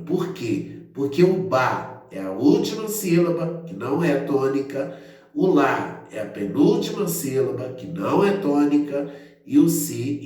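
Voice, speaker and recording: Guy teaching grammar, slow and halting, lots of um-type fillers, really echoey room, a bit far from the mic. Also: mid-range voice, darkish tone. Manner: slow, hesitant explaining with frequent fillers and restarts. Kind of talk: online grammar lesson.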